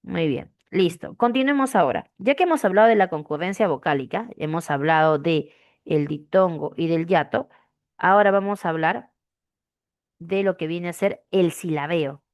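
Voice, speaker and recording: A woman teaches a grammar lesson in a slightly low voice. She repeats each rule several times and keeps checking that her students follow along. The recording is dry and close. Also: normal speed, no room sound. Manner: repeats key phrases, asks frequent "¿de acuerdo?". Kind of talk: classroom language lesson.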